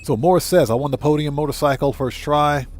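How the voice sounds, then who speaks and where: A man's voice: on the high side, fairly quick, a little mellow. A man hosting a live game stream, chatting casually with viewers and repeating himself for emphasis, over game noise.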